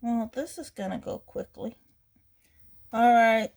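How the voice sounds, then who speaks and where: Slow-talking woman chatting about old games. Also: fairly high pitch, creaky, a little mellow. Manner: rambling, nostalgic, many fillers. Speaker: retro game collector. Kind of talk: casual chat.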